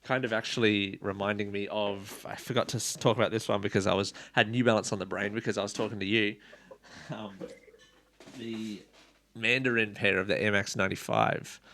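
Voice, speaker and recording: A man's voice: fairly low pitch, fairly even intonation, fairly quick, gravelly, fairly bright tone, a little hiss or hum. A man hosting a casual sneaker podcast, rambling with lots of fillers like "kind of" and "you know". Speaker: podcast host.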